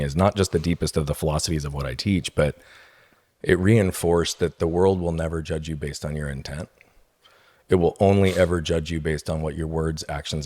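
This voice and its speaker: With a very low, deep, darkish voice, a man appears as a podcast guest telling a personal story. He speaks emphatically, often tagging his points with "right?" to check in with listeners, and the recording is dry and close with no echo or room sound.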